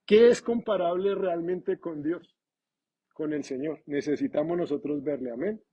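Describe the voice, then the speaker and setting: Male pastor, animated sermon, husky voice, high pitch. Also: moderate pace, highs cut off. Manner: animated, conversational preaching with humor.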